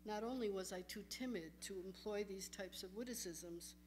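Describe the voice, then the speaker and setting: A woman's voice: medium pitch, moderate pace, a little mellow, a little hiss or hum. A woman in a lecture hall introducing an essay in a plain, conversational way, then reading it aloud. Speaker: reader at a memorial event.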